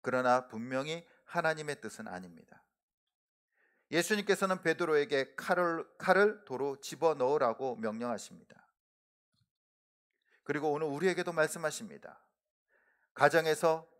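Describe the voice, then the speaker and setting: A middle-aged male pastor giving a sermon in a church, preaching earnestly, pressing his points hard and letting his sentence endings fall soft. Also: mid-range voice. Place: church sanctuary.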